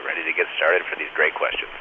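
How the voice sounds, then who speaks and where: A man's voice: rumbling low, flat delivery, quick pace, narrow, tinny audio. A man speaking as an astronaut over a faint radio link from orbit that crackles and breaks up, upbeat and enthusiastic, using radio procedure words. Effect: faint radio signal from orbit, crackling and breaking up. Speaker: astronaut on a space station. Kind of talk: radio contact answering questions. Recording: static-filled radio downlink.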